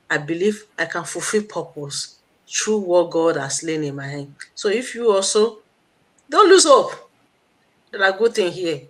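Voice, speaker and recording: Her voice is low-pitched and a bit bright as she leads an online live stream with a Nigerian accent. The motivational talk is preachy and repetitive, and she fills gaps with fillers while thinking aloud.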